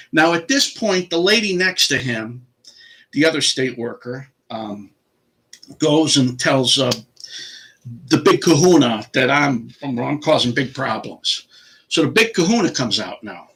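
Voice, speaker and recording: A man's voice: mid-range voice, animated, a little slow, pushed and bright, poor audio. A middle-aged man telling a story in a casual, indignant rant and acting out both sides of the argument.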